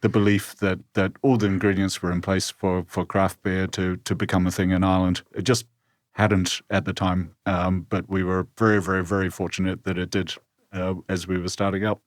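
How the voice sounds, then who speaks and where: A man with a Kiwi accent from New Zealand tells stories casually as an interview guest, halting and repeating words as he goes. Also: sits low, level tone, dry recording, clean studio sound. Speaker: brewery co-founder, guest.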